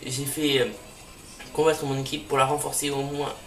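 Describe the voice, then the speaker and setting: A man's voice: mid-range voice, completely flat delivery, moderate pace, soft background music. A man casually commenting as he plays a video game, chatty and full of fillers. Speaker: let's play host. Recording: roomy, distant mic, faint hiss.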